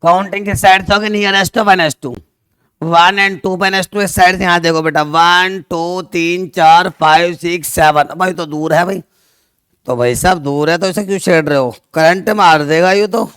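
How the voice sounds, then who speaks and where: Teaching an online chemistry class, a man projects loudly in a slightly high, smooth, crisp voice. He repeatedly addresses students as dear children, mixes two languages, and answers his own questions. There is no room echo; the sound is dry.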